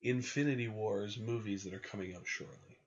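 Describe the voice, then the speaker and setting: A man's voice: lowish voice, normal speed. A man co-hosting a podcast, talking casually and often hedging and correcting himself. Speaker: podcast co-host. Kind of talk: casual chat. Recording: dull lo-fi recording.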